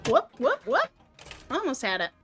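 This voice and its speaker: A woman streaming a game live, chatting in a joking, self-mocking way, her voice a bit rough from being sick. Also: sits high, huge pitch swings, normal speed, bright, forceful tone, faint music behind. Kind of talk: live gameplay stream chat.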